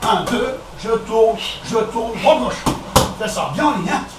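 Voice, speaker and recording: A man with a French accent coaching a boxing session, counting out combinations and calling out punches in short, brisk commands. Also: high-pitched, expressive. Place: echoey boxing gym. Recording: echoey gym, distant camera, background noise.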